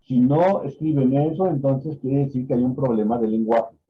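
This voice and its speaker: A man's voice: medium pitch, normal speed, narrow, tinny audio. A man giving a medical lecture, explaining patiently and tagging his points with "¿no?" and fillers. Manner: explanatory, with frequent fillers and "¿no?" tags. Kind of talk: lecture on a neurological exam. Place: online class.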